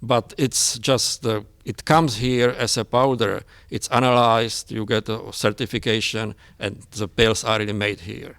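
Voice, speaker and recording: A man with a smooth, resonant voice speaking English, halting and full of fillers. The sound is dry and close, with no room echo. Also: fairly low pitch, steady tone, a bit bright. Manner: halting, many fillers, non-native phrasing. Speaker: pathology professor, guest. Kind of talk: interview.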